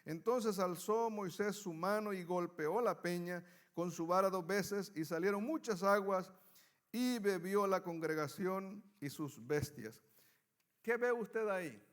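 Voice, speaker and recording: A man's voice: high voice, unhurried. A man teaching a Bible study class, reading scripture aloud and putting questions to his students.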